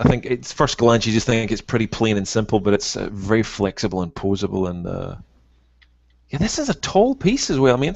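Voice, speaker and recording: A man co-hosting a casual podcast over a call, enthusing with sudden excited jumps between mumbled asides. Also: on the low side, creaky, no room sound, dull audio. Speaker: podcast co-host.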